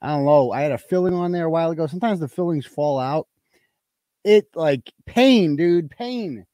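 A man hosts a livestream in a fairly high voice. He rambles casually and bluntly, with slang and swearing. The sound is close and dry. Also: brisk, mellow, dry recording. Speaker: livestream host and blogger.

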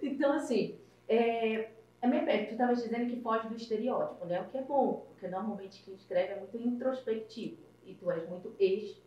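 A woman's voice: a little high, moderate pace, warm tone, distant mic, lo-fi sound. A woman co-host talks in an effusive way, stringing her questions together with many fillers. She sits back from the mic, and the room adds a noticeable echo. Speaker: podcast co-host. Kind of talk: casual interview. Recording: echoey room away from the mic.

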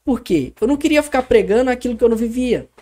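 A man's voice: very high-pitched, fast. A man, a guest on a podcast, telling stories in casual talk and acting out the other people's lines. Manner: animated storyteller, acts out dialogue.

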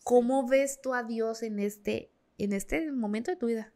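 A woman's voice: on the high side, unhurried. A woman hosting a podcast interview, recapping and asking empathetic questions. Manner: empathetic, asks gentle questions. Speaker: host. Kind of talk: casual interview chat.

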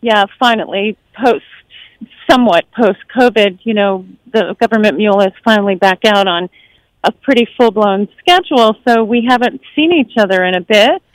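Born in Japan and raised in the United States, a middle-aged woman speaks with an American accent as a guest in a casual interview, chatting reflectively. Her mid-range voice moves at a normal speed, and the recording is dry but poor in quality.

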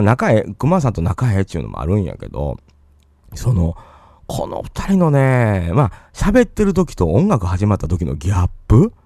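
A man with a Kansai accent talks through a casual solo podcast, drifting between topics and filling the gaps with small asides. His voice is low and gravelly, with a dark tone. The recording is close and dry. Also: no echo. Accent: Kansai Japanese. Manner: rambling, chatty, full of fillers and asides. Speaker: podcast host.

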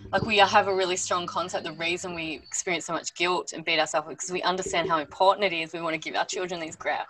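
A woman with a low-pitched voice hosts a casual interview. She muses informally, thinking aloud. There is faint noise behind her voice. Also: a bit bright, poor audio. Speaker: interview host. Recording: faint background noise and clicks.

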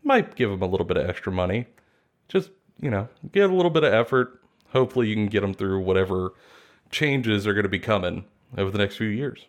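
A man's voice: on the low side, brisk. Laid-back man co-hosting a podcast. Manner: relaxed, rambling, jokey. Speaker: podcast co-host. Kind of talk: casual podcast chat.

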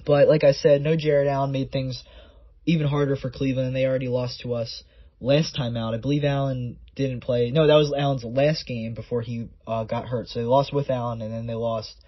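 On his solo sports podcast, a male host talks conversationally through the stats one by one at a brisk clip, his delivery flat and his pitch medium. The audio has no echo but comes across muffled and underwater.

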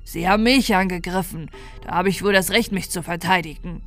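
A woman's voice: lowish voice, soft background music, close to an everyday voice. Woman doing a cold, scornful evil Santa. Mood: calm. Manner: slow, calm and contemptuous. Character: corrupted male Santa, calm, cruel and scornful.

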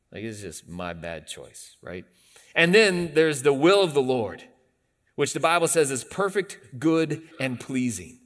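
A man's voice: on the high side, a bit bright. Man in his forties preaching a sermon. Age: 40s. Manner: conversational preaching, rising to emphatic bursts. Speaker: pastor.

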